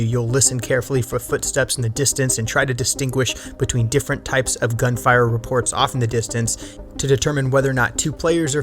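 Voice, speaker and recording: A man hosting a gaming video, reading scripted review narration and addressing viewers directly with emphasis. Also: medium pitch. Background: music.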